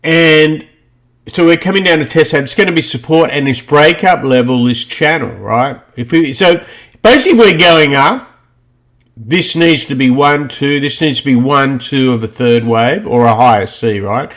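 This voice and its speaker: A man's voice: medium pitch, moderate pace, fairly bright tone. A man presenting a loose, rambling walkthrough of market charts, often thinking aloud between points. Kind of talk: screen-share chart walkthrough.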